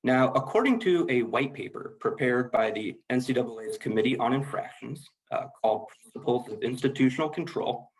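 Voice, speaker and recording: Man, mid-pitched voice, corporate training webinar presenter, formal, methodical, slide-led explanation. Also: lively intonation, fairly quick, hardly any pauses, low-quality recording.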